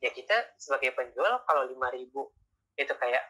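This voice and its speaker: A sales trainer with a medium-pitched, expressive, sharp-toned voice speaks a little fast. He gives a casual online sales lecture over a video call, chatting away and constantly tacking on tag questions. The audio has a tinny video-call quality.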